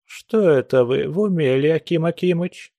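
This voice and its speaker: A man's voice: on the high side, animated, slow, dark tone, dry recording, pitched above the performer's own voice. A man reading aloud plays an elderly woman, the mistress of the house, who speaks firmly and gives orders in a raised voice. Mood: stern. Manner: firm, commanding.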